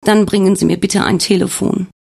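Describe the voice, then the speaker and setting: A woman's voice: medium pitch, fairly even intonation, fairly quick, gravelly, darkish tone, slightly rough, pitched above the performer's own voice. A man voicing a young woman who has just woken in a hospital bed, anxious and full of questions, in an audiobook. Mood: worried.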